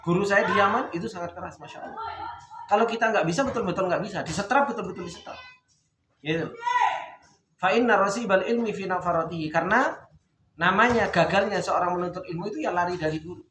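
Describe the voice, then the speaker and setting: Young guy giving a relaxed religious talk, lots of rhetorical questions, echoey room, noisy bg. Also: sits high, fast. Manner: storytelling with rhetorical questions, Javanese words mixed in. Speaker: religious teacher. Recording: echoey room with background noise.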